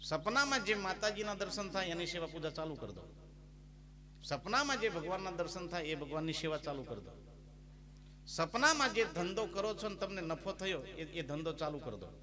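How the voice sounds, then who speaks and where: A man's voice: high-pitched, expressive, moderate pace, crowd noise. A man with a Gujarati accent giving a devotional talk in a folksy, humorous storytelling manner, breaking into sung verses. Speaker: bhajan singer and spiritual storyteller. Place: devotional gathering with live music. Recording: music playing behind. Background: instrumental music.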